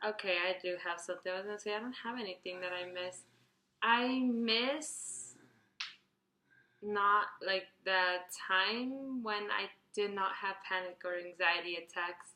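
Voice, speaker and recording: Bright, chatty young woman in her twenties. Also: mid-range voice, fairly even intonation, unhurried, roomy sound. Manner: chatty, rambling, restarts and fillers, reads questions out brightly. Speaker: beauty vlogger. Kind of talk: casual Q&A tag video.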